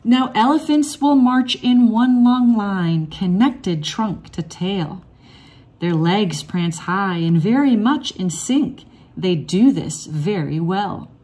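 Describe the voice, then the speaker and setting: Here a storybook reader, a woman, gives a rhyming children's book an expressive, evenly paced reading. Her pitch is medium.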